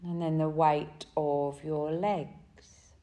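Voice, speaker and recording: With a dark, mellow, level tone, a female yoga nidra guide eases listeners through each step of a deep relaxation. Her voice is low and soft-edged, and she talks very slowly and gently, letting space settle between short phrases.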